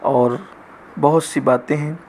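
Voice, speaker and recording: A man delivers a devotional story lecture in a calm, measured, reverent manner. His voice sits a little high for a man. A faint hiss runs under the recording. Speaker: religious speaker.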